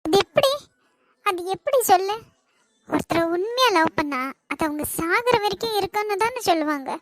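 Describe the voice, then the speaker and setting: A woman's voice: extremely high pitch, lively intonation, normal speed, no echo. A woman voicing a lovesick young cartoon woman with a Kanyakumari Tamil accent, pleading and tearful with her ex. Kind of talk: cartoon voice acting.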